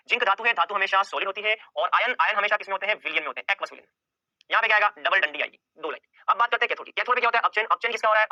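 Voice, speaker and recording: A man's voice: high voice, sharp tone, no echo, dull audio. A male chemistry teacher giving an exam-prep lecture, firing off questions and answering them himself and repeating key points over and over.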